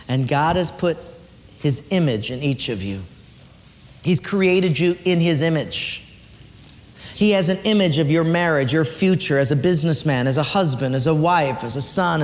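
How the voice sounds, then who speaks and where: A man preaching a sermon as a pastor, swinging from loud raised lines down to quiet low ones. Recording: long hall reverb, faint room noise.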